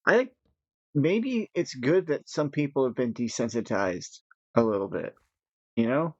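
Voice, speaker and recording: A man chatting casually while gaming, rambling with nervous laughs and animated asides. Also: mid-range voice, a little slow, dry recording, highs cut off. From United States. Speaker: gaming podcast co-host.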